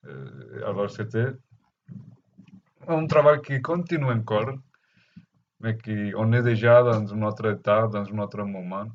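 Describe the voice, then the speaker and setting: A man with a foreign Spanish or Catalan accent, speaking halting non-native French as he gives an unscripted spiritual message, often searching for words. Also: on the low side, animated, a little hiss or hum. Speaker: spiritual teacher. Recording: dull, lo-fi muffled sound.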